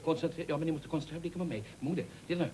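A man's voice: a little high, dark tone, natural voice. An actor playing a jolly, lonely, chatty night watchman who giggles and rambles through silly jokes in 1970s TV comedy style. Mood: showy.

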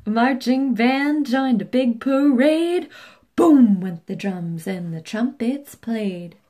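A woman reads a children's picture book aloud, slowly and with plenty of play in her delivery. Her voice sits a bit high and swings up and down a lot. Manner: animated, playful, slow and expressive. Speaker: storybook reader.

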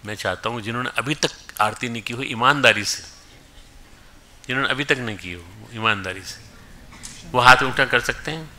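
A man's voice: mid-range voice, moderate pace, long pauses, pushed and bright. A man giving an emphatic spiritual discourse to students, mixing in English phrases and calling people forward from the audience. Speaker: spiritual teacher.

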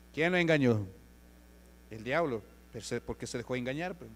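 A man preaching a sermon with a Peruvian Spanish accent. He tells a testimony and keeps dropping in "gloria al Señor" and "aleluya", slowing down and getting louder for emphasis. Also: medium pitch. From Peru. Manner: repeats "gloria al Señor" and "aleluya" between sentences; slows and rises in volume for emphasis. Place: church hall. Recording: reverberant church hall with mains hum.

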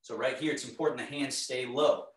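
A middle-aged man teaching tai chi, giving calm, serene, step-by-step movement cues in a measured way. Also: mid-range voice. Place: indoor home living area. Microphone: camera across the room. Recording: echoey room, distant microphone.

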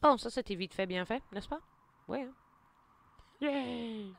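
A woman hosting her gaming channel, giving excitable play-by-play commentary, taunting enemies and muttering to herself, jittery from too much coffee. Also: on the high side, fairly quick. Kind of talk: live gameplay commentary.

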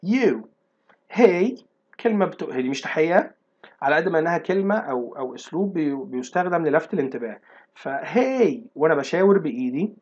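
A young man with an Egyptian Arabic accent, teaching an online lesson and slowly repeating phrases to explain them. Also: fairly high pitch. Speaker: English teacher. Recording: dull lo-fi recording.

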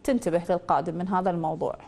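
A woman's voice: on the low side, steady tone, very fast, a little mellow. A woman with an Iraqi accent hosting a call-in astrology show. She quizzes a caller with probing questions, then gives confident pronouncements over a studio mic. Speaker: astrologer host.

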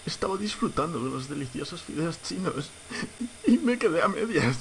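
A woman doing a gravelly young man. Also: low voice, big pitch swings, moderate pace, slight background noise, voice pushed down. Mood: wistful.

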